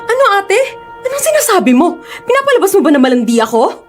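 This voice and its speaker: A woman's voice: very high-pitched, big pitch swings, fast talker, soft background music. Woman playing a distraught, tearful young student. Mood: furious. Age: young adult. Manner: emotional, tearful, indignant. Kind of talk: Tagalog audio drama acting.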